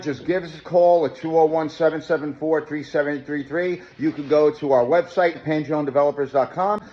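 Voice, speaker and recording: A man gives an upbeat sales pitch for his renovation company, repeating the key points as he walks through a house stripped to the studs. His voice sits a little high for a man. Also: dull audio. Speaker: home renovation contractor presenting his company. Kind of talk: promotional walkthrough pitch. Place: gutted house under renovation, indoors.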